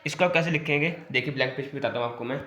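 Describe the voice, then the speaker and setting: A man's voice: mid-range voice, racing, pushed and bright. A man teaching a chemistry class, asking and answering his own questions and checking in often with students. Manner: repetitive question-and-answer teaching, frequent "theek hai". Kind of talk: online class lecture in Hindi with English terms. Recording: echoey room.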